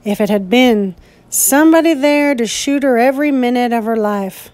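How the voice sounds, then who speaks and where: A woman reading aloud, voicing a cold, brooding male convict who talks in a low, flat way. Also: normal speed, dry recording, close to an everyday voice.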